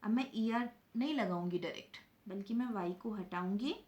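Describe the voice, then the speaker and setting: A woman's voice: mid-range voice, normal speed, darkish tone. A woman teaching a grammar lesson, explaining step by step and answering her own questions.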